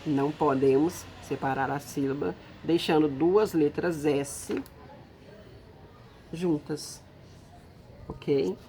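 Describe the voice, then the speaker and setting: A woman teaching a recorded lesson in a low, deep-set voice. She speaks slowly and patiently, walking through each step and pausing to check that her students are following. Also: warm tone, slight background noise.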